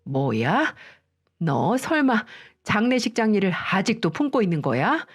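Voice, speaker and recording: A furious mother-in-law, played by a woman reader, in a storytelling radio piece, scolding in short sharp bursts. Her pitch sits in a middle range, with quiet music underneath. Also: very animated, a little slow, slightly rough, full character voice.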